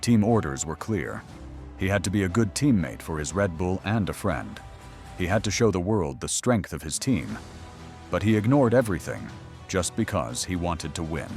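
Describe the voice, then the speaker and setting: A man's voice: low voice, very animated, moderate pace, a little mellow, faint music behind. A man narrating a scripted documentary in a dramatic, mocking storytelling manner.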